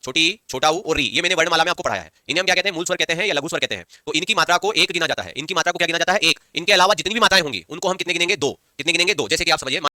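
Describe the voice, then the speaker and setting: A man's voice: on the high side, sharp tone, no room sound, studio quality. A man teaching an online class, repeating key points and quizzing his students as he goes. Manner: reads comments aloud and answers them; chants verses slowly. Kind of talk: online Hindi grammar class.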